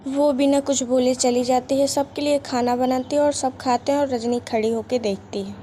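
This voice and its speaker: High-voiced woman narrating a cartoon story. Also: moderate pace, a little hiss or hum. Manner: plain, steady storytelling.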